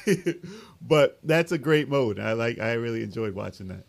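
Chatty man hosting, mid-pitched voice. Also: lively intonation, moderate pace, creaky, no room sound. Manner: enthusiastic, chatty. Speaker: interview host. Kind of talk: casual chat.

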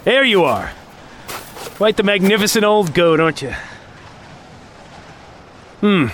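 A man's voice: high voice, animated, takes it slowly, fairly bright tone, a little hiss or hum, full character voice. A man playing a younger office underling on a hunt, talking on with mock cheer, taunts and menace in a dramatic audio story. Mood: gloating. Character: younger male office underling, falsely chummy, needling, menacing hunting companion. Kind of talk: dramatic audio fiction acting.

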